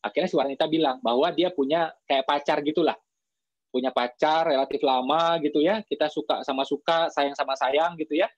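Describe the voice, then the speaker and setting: A man preaching in a casual storytelling style to a live audience, chatty, with lots of filler tags and lively quoted dialogue. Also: fairly high pitch, brisk, no echo, muffled recording.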